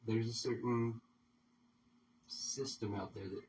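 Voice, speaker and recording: A man's voice: mid-range voice, steady tone, takes it slowly. Rambling male radio DJ, distant mic. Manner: rambling, many restarts, laughs easily. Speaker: radio DJ and host. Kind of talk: casual radio interview chat. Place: radio studio. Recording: distant mic with audible background noise.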